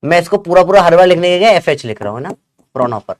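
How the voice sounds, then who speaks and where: A man's voice: sits high, animated, very fast, dry recording. A man teaching a casual lesson, chatty and joking, often checking whether his students follow.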